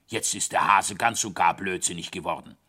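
A man's voice: deep voice, moderate pace, bright, forceful tone. A man voicing an old bearded king in a children's story, mildly astonished. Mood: puzzled. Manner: mild, astonished.

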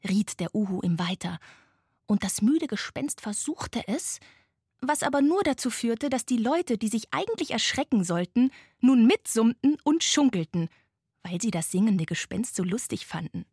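A woman narrating a children's bedtime story in a gentle, expressive, often hushed way, with a breathy voice. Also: fairly high pitch, normal speed, dry recording, clean studio sound.

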